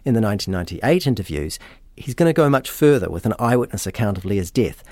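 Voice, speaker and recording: A man, hosting and narrating a true-crime story in a measured, matter-of-fact way. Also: on the low side, sing-song, darkish tone, no room sound, clean studio sound. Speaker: podcast host.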